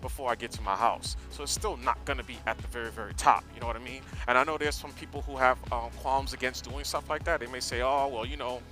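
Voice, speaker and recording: Male American motovlogger, bright forward voice, loose digressive ride-along chat heard from inside a helmet, faint music and vehicle behind. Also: mid-range voice, fairly even intonation, fast, few pauses. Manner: talking from inside a motorcycle helmet while riding. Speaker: motorcycle vlogger. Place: inside a helmet on a moving motorcycle.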